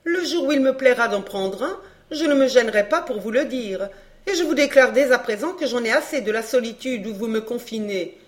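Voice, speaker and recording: A woman reading a proud, sharp-tongued young countess, cool and teasing, in an audiobook dialogue. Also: a little high, lively intonation, a little fast, close to an everyday voice.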